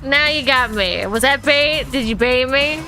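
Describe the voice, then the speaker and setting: A woman's voice: high voice, unhurried, loud music behind the voice, poor audio. A woman co-hosting a casual podcast, teasing the others and swearing playfully. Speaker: podcast co-host.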